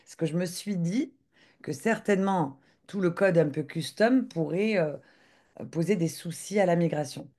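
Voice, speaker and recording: A woman giving a live software demo on a video call, talking hesitantly with lots of filler sounds and restarts. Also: lowish voice, moderate pace.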